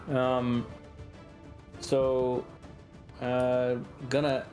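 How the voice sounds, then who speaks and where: A man chatting casually as a tabletop game player, with halting, deliberate phrasing. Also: mid-range voice, completely flat delivery, a little mellow, soft background music.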